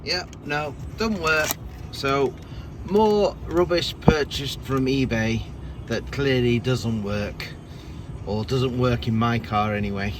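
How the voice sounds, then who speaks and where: A man with a mid-range voice speaks slowly as a vlogger demonstrating car fixes, casually narrating his hands-on DIY work. He moves around and inside a car and partly sits at a desk, with clear outdoor car noise in the background.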